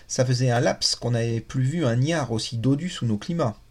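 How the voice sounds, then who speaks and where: A man's voice: mid-range voice, normal speed, breathy edge. A man voicing a boastful, hungry male sphinx in a storybook fable, with a mocking, sly manner.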